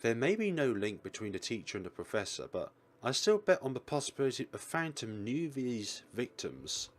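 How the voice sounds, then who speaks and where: With game music in the background, a man narrates a visual novel for a let's play in a very animated, medium-pitched voice. He keeps a moderate pace and reads expressively, sometimes stumbling on a line.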